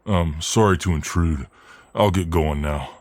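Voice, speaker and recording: In an ASMR role-play, a man plays a friendly, protective, cocky mailman from the Southern US, speaking in a folksy, soothing drawl. His voice is low and unhurried, the recording is dry, and the mood comes across as reassuring and concerned.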